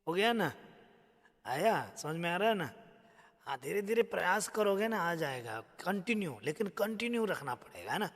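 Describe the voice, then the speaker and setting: A man teaches verse recitation on a live stream. He chants in a drawn-out sing-song and drops in quick spoken asides between lines. His voice is high and bright, and it rings with a long reverb. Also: very animated.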